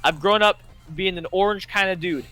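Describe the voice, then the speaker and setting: A man's voice: sits high, moderate pace, pushed and bright, soft background music. A man from Canada, a livestream guest in a laid-back, slangy, agreeable casual chat.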